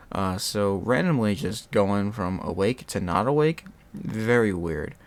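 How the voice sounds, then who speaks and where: Man, medium pitch, casual storyteller, rambling, self-interrupting, animated re-enacted dialogue. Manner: often laughs while talking. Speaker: storyteller recounting own experience. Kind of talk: casual chat, personal storytelling.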